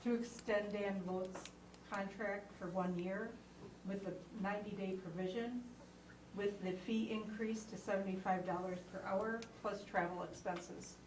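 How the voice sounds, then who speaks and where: A woman reading back a council motion in a measured, formal way. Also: mid-range voice, steady tone, noisy background. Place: council chamber. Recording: echoey room, distant mic.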